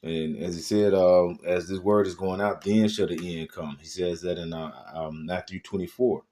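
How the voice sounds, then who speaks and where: A man's voice: sits low, steady tone, moderate pace, warm tone. A man preaching a sermon, reading scripture and stressing points with frequent "all right" and many filler sounds.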